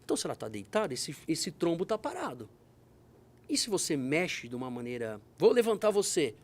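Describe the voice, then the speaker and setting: A man who is a fire brigade major, being interviewed and telling emergency stories, acting out the dialogue vividly. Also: mid-range voice. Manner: animated storyteller, acts out dialogue. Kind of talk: conversational interview, storytelling.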